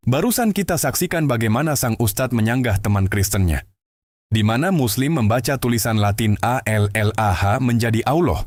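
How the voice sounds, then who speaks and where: Steady male commentary host, dry sound. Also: medium pitch, normal speed, no echo. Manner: steady explanatory delivery. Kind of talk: scripted commentary narration.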